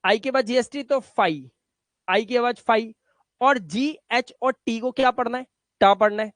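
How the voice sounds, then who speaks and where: Male English tutor, brisk and pushy, dry close sound. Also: extremely high pitch, fairly bright tone, dry recording. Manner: brisk, drills words in slow syllables and keeps saying "theek hai"; pushy sales talk about his course and book. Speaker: English teacher. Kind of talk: spoken English lesson in Hindi.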